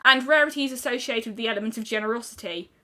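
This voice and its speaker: Young british woman chatting while she draws, rambly, bright and a bit high. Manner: chatty, rambling, quick restarts. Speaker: streamer. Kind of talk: casual chat while drawing.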